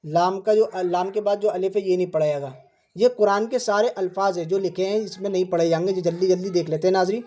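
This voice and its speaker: A Quran reading teacher giving an online lesson, spelling out letters and vowel marks syllable by syllable, repeating words slowly and patiently explaining rules to viewers. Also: medium pitch, mellow.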